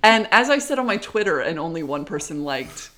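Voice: mid-range voice, very animated, fairly quick, sharp tone. Chatty, enthusiastic podcast co-host. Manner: chatty, enthusiastic, laughs often. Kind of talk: casual chat.

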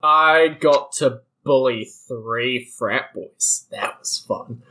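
A woman speaks slowly as a tabletop player. She delivers her lines in a dry, unhurried way. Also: very deep voice, sharp tone. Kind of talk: casual tabletop game chat.

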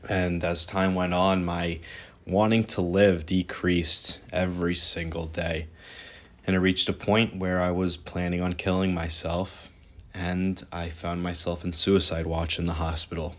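A young man with a deep, low voice hosts his own podcast and tells his life story straight to the listener. He speaks earnestly and candidly, now and then restarting a word. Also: flat delivery, a little slow. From born in Israel, raised in New York. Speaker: podcast host. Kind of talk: personal storytelling monologue.

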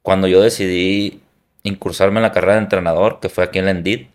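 A man from Hermosillo speaks with a Sonoran Mexican accent in a very low, steady voice that barely rises or falls. As a football coach and former player, he gives earnest, reflective interview answers. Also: fairly quick. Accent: Sonoran Mexican Spanish.

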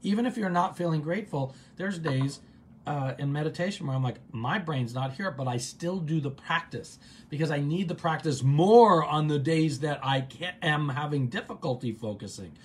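A man hosting a guided gratitude practice on a livestream from his office, calm and unhurried, repeating words in a soft, low voice. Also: slight background noise. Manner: calm, drawn-out repetitions dropping soft and low. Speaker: meditation host.

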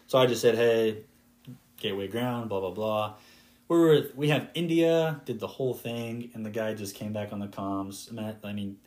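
Young male flight instructor telling stories. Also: lowish voice. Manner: lively, animated retelling of radio calls. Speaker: flight instructor, podcast guest. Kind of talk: casual storytelling in conversation.

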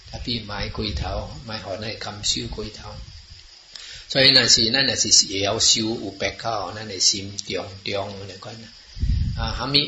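A man rambles on casually and at length while explaining something, dropping many "ah" fillers and mixing Chinese and English words. His lowish voice has fairly even intonation and a fairly quick pace, captured in a muffled, roomy, noisy recording.

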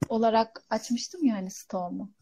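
A woman's voice: a little high, moderate pace, mellow, breathy edge. A woman chatting casually as a student, telling about her online selling and asking questions, on a slightly lo-fi recording. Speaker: coaching student, online seller. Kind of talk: casual question-and-answer chat. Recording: slightly dull, lo-fi sound.

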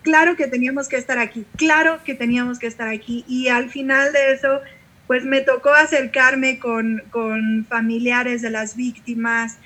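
A woman's voice: fairly high pitch, little pitch movement, normal speed, bright, forceful tone. A woman with a Mexican accent, a pastor and singer, telling stories in an interview with vivid quoted dialogue. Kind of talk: conversational storytelling interview.

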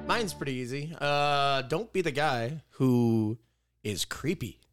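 A man's voice: medium pitch, slow, over music. A young man, co-hosting a podcast with rambling, casual, swearing talk. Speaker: podcast co-host. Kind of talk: casual chat.

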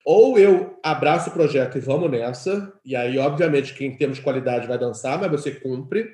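A man with a Brazilian Portuguese accent, a film director and teacher, talking in an animated storytelling way and acting out the lines people said to him. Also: mid-range voice, normal speed, echoey room. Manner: animated storytelling, acts out quoted dialogue. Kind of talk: conversational interview.

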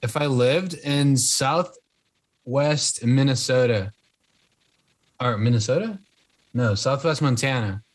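A young man in casual podcast chat, slow and hesitant, reading facts aloud with pauses. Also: medium pitch. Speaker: podcast co-host.

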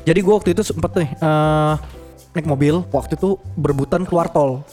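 High-voiced young man telling stories casually. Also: brisk. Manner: animated storyteller, slangy, laughs often. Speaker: podcast co-host. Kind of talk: casual chat. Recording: faint music behind.

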